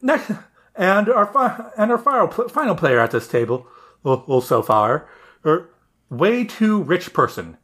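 Animated, halting man in casual chat. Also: high-pitched. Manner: animated, halting, with many fillers. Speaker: podcast host presenting his story idea.

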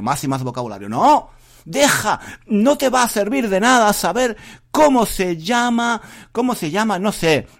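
A man giving a casual Spanish lesson podcast, repeating phrases emphatically and speaking straight to learners. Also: on the high side. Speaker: Spanish teacher.

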